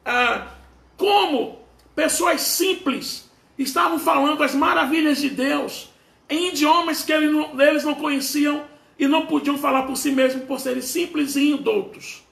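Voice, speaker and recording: A man's voice: very high-pitched, moderate pace, creaky, a bit bright, echoey room. A man preaching a sermon, explaining a Bible passage to his listeners.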